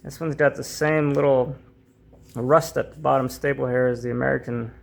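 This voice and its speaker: A man's voice: medium pitch, steady tone, normal speed, vocal fry. A man hosting a comic book channel, chatting casually and rambling through fillers and restarts, a little worn out and strained from the heat. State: hot and tiring, voice strained. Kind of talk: casual unboxing chat.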